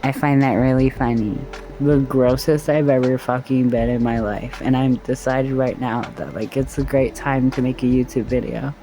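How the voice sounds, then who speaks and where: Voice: medium pitch, fairly even intonation, moderate pace, warm tone, a little hiss or hum. A vlogger with a sore throat after tonsil surgery, giving casual advice in a loose, rambling valley-girl drawl with plenty of swearing. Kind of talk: casual to-camera advice chat.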